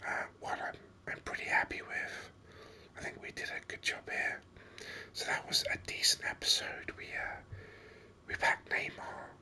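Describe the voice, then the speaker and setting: Whispered ASMR game commentary comes from a host musing at an easy, faltering pace, mouth close to the mic and voice breathy. It sounds pushed and bright.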